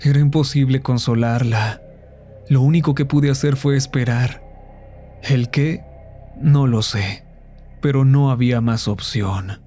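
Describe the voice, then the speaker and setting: Slow, dark-voiced male horror narrator. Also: medium pitch. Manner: slow, somber storytelling.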